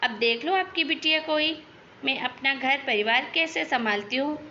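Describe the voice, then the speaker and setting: A woman's voice: sits high, normal speed, bright, forceful tone, lo-fi sound, a little hiss or hum. A woman voicing a chatty young daughter-in-law in a cartoon, complaining about her in-laws. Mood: gossiping. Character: gossipy young daughter-in-law, lazy and talkative. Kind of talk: cartoon voice acting.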